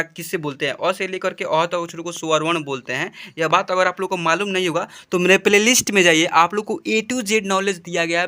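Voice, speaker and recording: A man teaching a spoken lesson, slowly drawing out spelling drills and repeating his explanations. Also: sits high, pushed and bright, smooth. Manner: slow drawn-out spelling drills, repetitive explanations.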